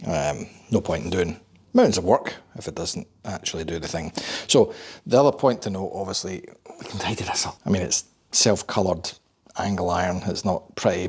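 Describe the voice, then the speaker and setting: Man, lowish voice, solo garage build vlog, muttering, wry. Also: slightly rough. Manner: muttering, self-deprecating, swears under breath. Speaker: kit car builder. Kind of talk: workshop build vlog, thinking aloud. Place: home garage workshop.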